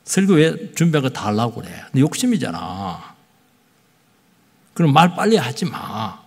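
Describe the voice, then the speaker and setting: A nasal male pastor in his fifties preaches with an excitable, swooping delivery that climbs into loud bursts. His voice is gravelly and husky, and it rings out with a long hall reverb. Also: medium pitch, moderate pace. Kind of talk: sermon. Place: church sanctuary.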